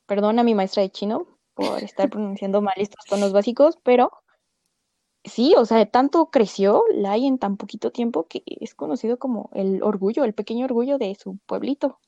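A woman's voice: fairly high pitch, normal speed, gravelly, dark tone, dry recording, muffled recording. A woman co-hosting a casual podcast chat, correcting herself as she goes. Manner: chatty, self-correcting. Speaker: podcast co-host.

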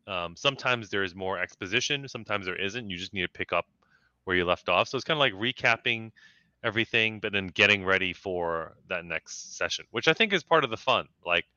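A man's voice: fairly low pitch, expressive, brisk, pushed and bright, clean tone, dry recording. A man talking as a podcast guest in casual chat, reflective and working through his thoughts with restarts. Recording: slightly dull lo-fi sound, dry.

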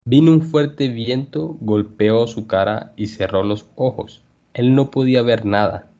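A male language teacher reading a story aloud for learners, clear and measured. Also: mid-range voice, mellow. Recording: dull lo-fi podcast audio.

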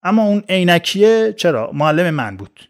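A man doing a scornful young woman shouting back. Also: fairly low pitch, very animated. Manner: shouting insults.

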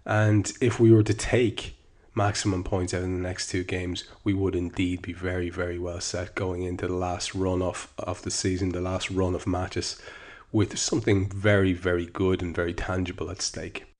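A man's voice: deep voice, flat delivery, normal speed, a little mellow. A man hosting a podcast, reading his own column aloud and then talking it over in a wry, wordy, candid way. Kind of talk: column reading and casual commentary.

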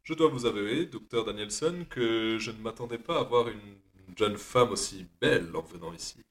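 A man voicing a courteous, flattering gentleman journalist. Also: on the low side, normal speed, natural voice. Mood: charming. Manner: suave, courteous. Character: smooth charming male journalist.

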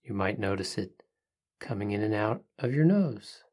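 A podcast host leading a guided meditation in a calm, soothing manner, leaving long pauses between short phrases. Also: medium pitch.

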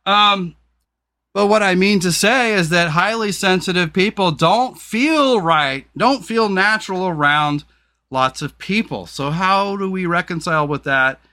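This podcast host has a deep, sharp-toned voice and talks a little slowly. He keeps the chat casual and frank, cursing freely and rambling with many fillers.

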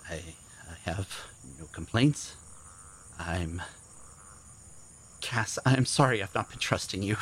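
An actor playing an earnest, apologetic man in love in an audio drama, halting and stammering tenderly. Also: low voice, fairly bright tone, a little hiss or hum.

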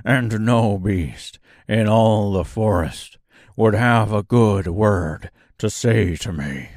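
Guy putting on a big gentle lion, low slow voice. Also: dry recording, clean studio sound. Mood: earnest. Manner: deep, slow delivery.

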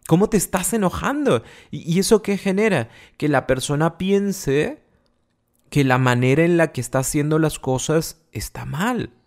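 A man giving an informal, explanatory talk on relationships, speaking conversationally with frequent restarts. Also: on the high side. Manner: conversational, explains patiently with many restarts and everyday examples.

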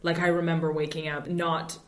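A woman's voice: low voice, level tone, a little fast. A woman in her twenties, a comedian being interviewed, talking candidly and laughing often. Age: 20s. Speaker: comedian guest. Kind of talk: casual interview chat. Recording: echoey room.

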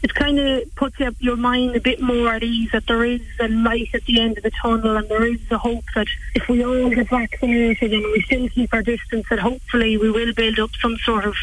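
A woman's voice: fairly high pitch, level tone, brisk, few pauses, low-quality recording. A young woman with a Cavan accent from Ireland, chatting earnestly and informally as an interview guest, talkative and colloquial. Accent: Irish, Cavan. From West Cavan, Ireland. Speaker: nursing home healthcare worker, interview guest.

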